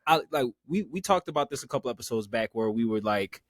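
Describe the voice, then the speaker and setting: A man co-hosting a laid-back anime podcast, talking fast and loose in slang. He often breaks into higher, louder voices to act out characters' lines. The sound is dry and close, with a mid pitch for a man. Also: no room sound. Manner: animated, slangy, quotes characters in raised voices. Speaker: podcast co-host. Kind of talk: casual anime discussion.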